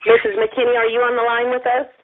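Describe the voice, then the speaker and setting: A woman's voice: a little high, completely flat delivery, fast, noisy background. A woman hosting a promotional conference call, speaking effusively to the listeners in long run-on sentences. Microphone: telephone. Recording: tinny phone line.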